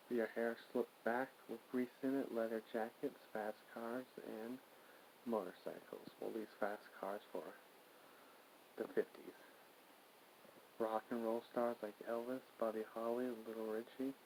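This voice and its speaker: A man's voice: mid-range voice, darkish tone. A man hosting a casual, rambling solo talk, digressing and correcting himself as he goes. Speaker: host of a show of personal thoughts. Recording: clearly noisy background with clicks.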